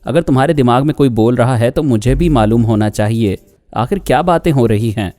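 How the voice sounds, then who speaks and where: A man's voice: medium pitch, fairly quick, warm tone, lightly acted. A man voicing a proud, jealous young woman who talks insistently and indignantly.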